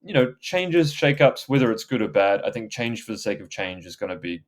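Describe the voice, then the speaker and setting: Low-voiced man, casual podcast chat. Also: very animated, fairly quick. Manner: rambling, many fillers and restarts, laughs easily. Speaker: podcast co-host.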